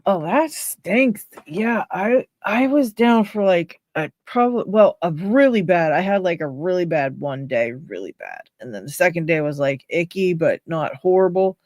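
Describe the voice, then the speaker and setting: Hosting a casual live stream, a Pittsburgh-accented woman from Pennsylvania, USA, chats with viewers, reads out names from chat and laughs a lot. Her somewhat low, slightly mellow voice has lively intonation and a moderate pace with few pauses. The studio-quality audio has no room sound.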